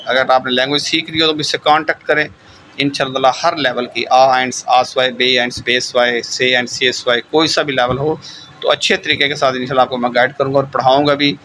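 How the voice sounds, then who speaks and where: A man teaching a German lesson, who says example words slowly, repeats them, and keeps checking in with his listeners. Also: medium pitch, level tone, bright, forceful tone, a little hiss or hum, low-quality recording. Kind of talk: online language lesson.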